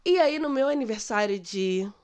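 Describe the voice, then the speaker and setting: Brazilian girl late 20s vlogging, chatty storytelling, voice on the high side. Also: normal speed, clean tone. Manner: chatty, animated retelling with quoted dialogue. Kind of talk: casual storytelling.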